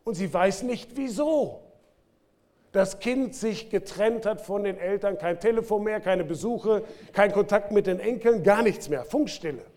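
Male pastor, slightly high voice, animated sermon delivery with big swings in volume. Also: normal speed, few pauses. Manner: lively preaching with sudden loud bursts and quiet drops. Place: church.

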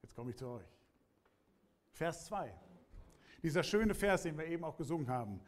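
Pastor preaching plainly to listeners. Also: male voice, on the high side, lively intonation, moderate pace. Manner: plain, conversational preaching, addressing listeners directly. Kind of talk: sermon.

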